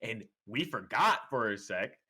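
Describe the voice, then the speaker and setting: A man's voice: on the low side, very animated, measured pace, pushed and bright, slightly rough. A young man co-hosting a podcast, telling laid-back stories full of slang and acted-out quotes. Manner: laid-back storytelling with slang and mimicked voices. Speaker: podcast co-host. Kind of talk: casual chat.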